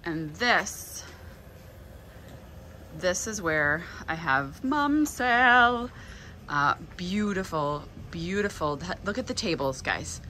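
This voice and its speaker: A chatty American woman in her thirties talks through a walkthrough of her plant nursery, full of ums and quick restarts. Her voice sits a little low, recorded on a phone held at arm's length inside a big greenhouse, with faint ambient noise behind her. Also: very animated, sharp tone. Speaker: flower farmer and nursery owner. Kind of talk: casual vlog walkthrough. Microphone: handheld phone at arm's length.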